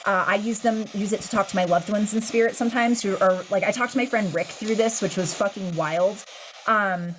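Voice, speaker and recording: A woman's voice: medium pitch, brisk. A woman hosting a casual livestream, chatting to viewers in an informal, slangy, sweary way. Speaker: livestream host. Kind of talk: casual live chat with viewers. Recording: clear hiss and static noise. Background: noisy spirit box radio static.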